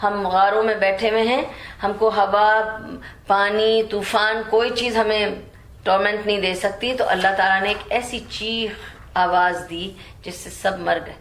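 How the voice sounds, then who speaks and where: A woman's voice: medium pitch, fairly even intonation. Woman teaching Quran commentary in an echoey room. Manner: explains in Urdu mixed with English words; recites verses slowly, then explains.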